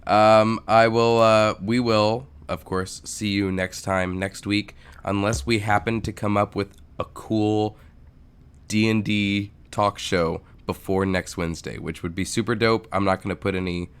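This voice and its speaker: A man co-hosting a tabletop game stream from home, rambling through the sign-off with crude jokes. His voice sits low and comes through smooth and clean on his desk microphone. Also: flat delivery, unhurried. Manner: rambling, joking, profane. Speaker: co-host of a live-streamed tabletop game show. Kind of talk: casual stream sign-off chat. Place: home room.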